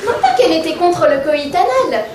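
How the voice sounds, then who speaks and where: A woman's voice: very high voice, sing-song, moderate pace, a crowd in the background, background noise. A woman comedian reciting a rhyming comic tale on stage in a sing-song, mock-innocent manner. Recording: echoey stage sound from far off.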